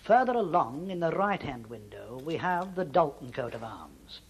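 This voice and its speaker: A talking robot cavalier, a stately-home tour guide, as a man voices it, its words played back from a cassette tape inside the machine. The delivery is formal and recited, with a husky edge and a pitch that rises and falls a great deal. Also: sing-song, heavily acted. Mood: stately, welcoming. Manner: formal and measured, like a recited script. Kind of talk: scripted guided-tour speech.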